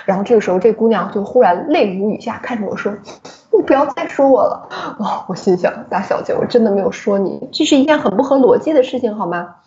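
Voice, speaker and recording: Woman, podcast co-host, middling pitch, chatty lively storyteller; roomy, slightly muffled recording. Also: fast, few pauses. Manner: lively storyteller who laughs often. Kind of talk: casual chat, telling a work story.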